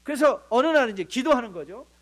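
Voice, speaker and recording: A man's voice: very high voice, brisk. A male pastor preaching a sermon, telling stories and acting out prayers and quoted voices. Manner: animated storytelling, acts out prayers and quoted voices.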